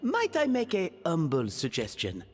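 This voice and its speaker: A man's voice: a little high, huge pitch swings, moderate pace, a little mellow, long reverb tail, soft background music. An actor playing a courtly male restaurant patron with a French accent and a theatrical, flamboyant manner.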